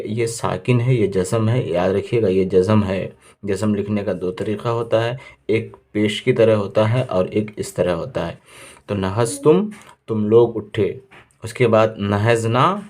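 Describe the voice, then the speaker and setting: Brief: low-pitched male teacher drilling verb forms, patient and methodical. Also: a little mellow. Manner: patient, repeats each word with its meaning, asks and answers his own questions. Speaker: Arabic grammar teacher. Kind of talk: classroom lesson explanation.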